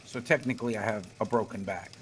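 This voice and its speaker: A man co-hosting a comedy chat show, setting up deadpan jokes and wordplay. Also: lowish voice, fast, slight background noise. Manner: deadpan joke setups, wordplay. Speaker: co-host. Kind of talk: joking radio chat.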